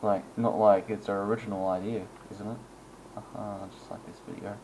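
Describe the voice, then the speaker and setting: A man's voice: fairly low pitch, level tone, normal speed, a little mellow, slight background noise, rough recording. A man giving casual, rambling gameplay commentary, chuckling and making self-deprecating asides as he goes. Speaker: gaming channel host.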